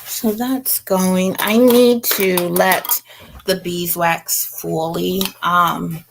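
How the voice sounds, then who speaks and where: The middle-aged host of a home herbalism livestream talks casually, reading out comments and replying to them. She speaks in a lowish, steady, creaky voice, drawing out her words, with slight background noise.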